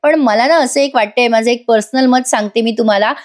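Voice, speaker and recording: A woman giving a voice-over recap of a TV serial, telling it in a lively way and speaking straight to her viewers. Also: on the high side, brisk. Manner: lively storytelling, addresses viewers directly. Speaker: serial reviewer.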